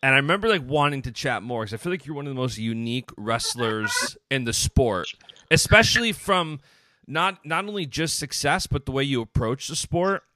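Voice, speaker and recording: A man's voice: mid-range voice, lively intonation, normal speed, pushed and bright, dry recording. Dry-recorded male podcast host. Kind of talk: conversational podcast hosting.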